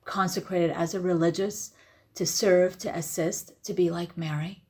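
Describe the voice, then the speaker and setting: A woman from Iraq, a religious sister, telling her story gently and earnestly as a studio guest. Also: fairly low pitch, steady tone, normal speed. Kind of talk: personal testimony in interview.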